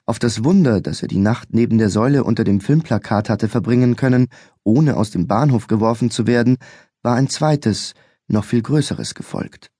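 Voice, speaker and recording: Male audiobook narrator, measured thriller reading, medium pitch, dry studio sound. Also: warm tone, dry recording. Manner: measured, clear storytelling. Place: recording studio. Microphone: close studio mic.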